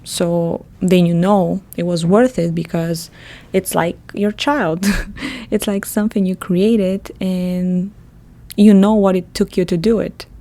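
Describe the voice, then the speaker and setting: Chatty Bulgarian-accented woman, low mellow voice. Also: fairly even intonation, takes it slowly. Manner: chatty, laughs often. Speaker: podcast host. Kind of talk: solo podcast monologue.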